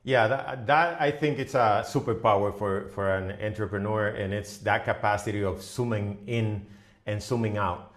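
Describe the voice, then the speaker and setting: A middle-aged man from the Dominican Republic, a business owner guest on a podcast, speaking haltingly with many fillers and restarts. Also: lowish voice. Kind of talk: podcast interview.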